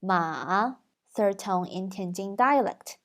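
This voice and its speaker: A woman explaining tones clearly. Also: medium pitch, animated, unhurried, noisy background. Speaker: language video host. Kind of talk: scripted educational narration.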